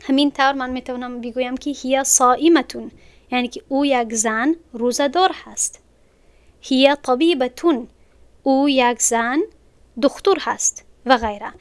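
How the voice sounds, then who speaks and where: In an online lesson on Arabic grammar, a woman speaks Tajik-accented Persian in a high, smooth, clear voice. She works through each point patiently and says words again slowly.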